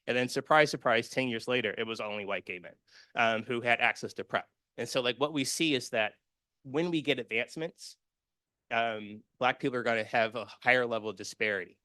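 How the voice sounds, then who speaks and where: A man's voice: medium pitch, a little fast, pushed and bright, no room sound. A man giving a personal, earnest conference presentation with slides, full of fillers and restarts. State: emotional, near tears. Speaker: conference speaker.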